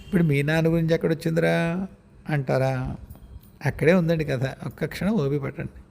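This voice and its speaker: A man's voice: a little high, fairly even intonation, a little fast, vocal fry, darkish tone. A man telling personal stories as a spiritual practitioner, in a conversational, reflective way, speaking directly to his listeners. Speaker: spiritual practitioner sharing experiences. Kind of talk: storytelling memoir talk. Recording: long reverberant room echo.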